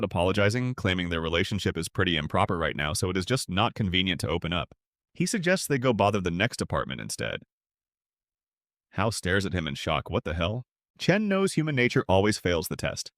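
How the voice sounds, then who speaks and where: A man narrating a comic story recap in a brisk, dramatic way with sarcastic asides. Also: low voice, a bit bright, no room sound, clean studio sound.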